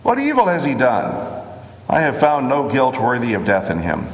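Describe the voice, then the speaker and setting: A man's voice: medium pitch, huge pitch swings. A man reading as a stern Roman governor. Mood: questioning. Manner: measured scripture reading. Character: stern male Roman governor, uneasy judge. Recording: echoey hall with long reverb.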